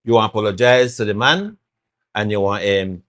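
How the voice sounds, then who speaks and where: A man's voice: on the low side, moderate pace, fairly bright tone. Middle-aged Belizean man, talk show guest, hammers his points home and repeats them. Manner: emphatic, repeats points, acts out quotes. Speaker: guest, former party chairman.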